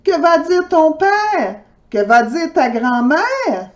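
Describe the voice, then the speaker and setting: A woman's voice: high-pitched, very animated, slow pace, lo-fi sound, pitched above the performer's own voice, exaggerated voice. A woman playing a fretful, dramatic mother. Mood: dismayed. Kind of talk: storybook read-aloud.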